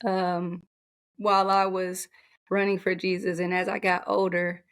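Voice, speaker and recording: A soft-spoken woman coach talking in an interview, with many fillers and restarts. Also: lowish voice, completely flat delivery, unhurried. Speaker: coach, podcast guest. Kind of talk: conversational interview.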